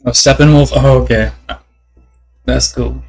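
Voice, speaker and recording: A man's voice: mid-range voice, fairly even intonation, a little mellow, breathy edge. Casual man chatting on a livestream. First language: English. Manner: halting, beginner French with searching pauses when speaking French. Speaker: live streamer chatting with viewers. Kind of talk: casual chat.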